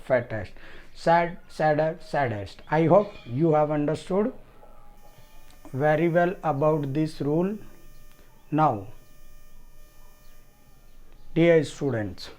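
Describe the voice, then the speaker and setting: A man teaching a grammar lesson, spelling out and repeating word forms in a deliberate, dictation-like way. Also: on the high side, dark tone. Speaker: English teacher. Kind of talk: grammar lesson, switching between English and Hindi.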